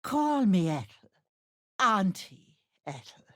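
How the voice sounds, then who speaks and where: An actress playing a wicked old hag who poses as a kindly auntie in a video game, sly, wheedling and sharp-tongued, with sugary endearments. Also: female voice, medium pitch, very animated, slow. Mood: sugary, coaxing. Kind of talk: game voice acting, theatrical.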